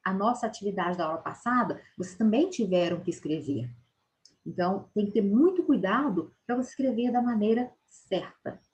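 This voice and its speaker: A woman teacher explaining correct spelling in a recorded lesson, patiently, often checking in with a quick "tá?" and slowing down to stress key words. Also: mid-range voice, darkish tone. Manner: explains patiently, ends phrases with "tá?".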